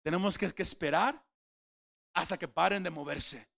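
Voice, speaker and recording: A man preaching a sermon, emphatic, swinging from shouts to quiet lows and repeating words as he starts phrases. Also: normal speed, creaky. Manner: emphatic, rising to shouts then dropping low. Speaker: pastor.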